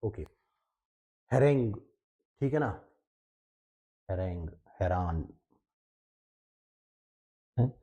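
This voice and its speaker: A man's voice: on the low side, expressive, drawn-out words, pauses often, warm tone, lo-fi sound. A man with an Indian English accent teaching an exam-prep vocabulary lesson, mixing Hindi and English and checking in with his students again and again. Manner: repeats "ठीक है ना" often, mixes Hindi and English, mnemonic tricks.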